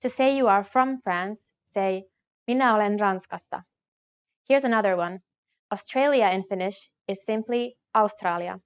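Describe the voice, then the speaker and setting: A woman narrating a scripted language lesson in a clear, measured teaching delivery, slowing down to model phrases. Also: medium pitch.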